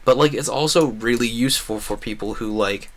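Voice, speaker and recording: A man with a mid-range voice talks fairly quickly while streaming games. His commentary is casual, chatty and opinionated, and he often wanders off on digressions.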